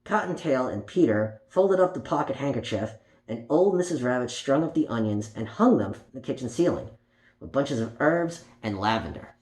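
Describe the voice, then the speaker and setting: A man with a mid-range, darkish, animated voice reads a children's book aloud at a moderate pace, playful and aimed at kids, adding asides to his young listeners. It's recorded in a roomy home space with faint noise.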